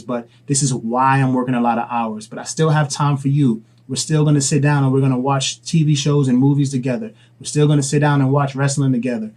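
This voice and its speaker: Earnest young dad giving advice. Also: male voice, medium pitch, darkish tone. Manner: earnest, fatherly, rambling with restarts. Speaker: dad vlogger and entrepreneur. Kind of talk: casual advice vlog.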